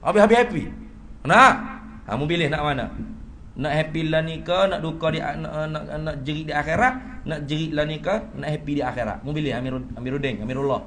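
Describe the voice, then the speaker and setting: A male religious teacher gives a classical text lecture. His voice is bright and forceful, and his pitch sits a little high. He reads Arabic slowly, jumps between loud exclamations and low asides, and teases his class with questions. A faint noise runs behind him. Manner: reads Arabic text slowly then explains it in lively Malay.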